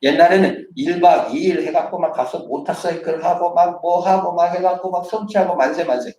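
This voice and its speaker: A man preaching a Sunday sermon as pastor, animated and acting out quarrels in different voices. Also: high-pitched, brisk. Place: church sanctuary. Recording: roomy church sound, distant mic.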